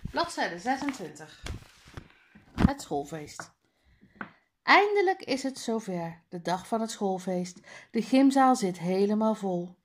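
A woman's voice: mid-range voice, very animated, slow, long pauses, background noise. A woman reading a children's book aloud page by page, with careful word drills. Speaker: reader.

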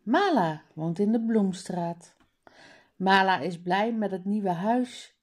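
A woman reads a children's storybook aloud, slowly and clearly. Her voice moves lively up and down as she reads. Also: medium pitch. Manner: clear, deliberate storybook reading. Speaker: reader. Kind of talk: reading a children's book aloud.

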